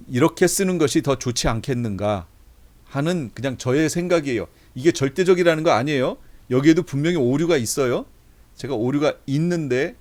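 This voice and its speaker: Middle-aged male pastor, slightly high voice, conversational lecture style with deliberate readings. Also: a little mellow. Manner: conversational, reads verses slowly aloud. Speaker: pastor teaching a Bible class. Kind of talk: lecture, explaining Bible translations.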